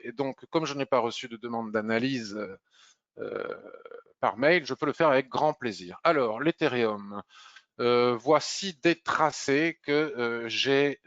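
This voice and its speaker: A man's voice: mid-range voice, a bit bright, dry recording, dull audio. A man giving a casual trading chart review, talking viewers through his analysis with frequent hesitations and fillers. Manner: chatty, hesitant with many "euh" fillers. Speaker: market analyst. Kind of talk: screen-share market review.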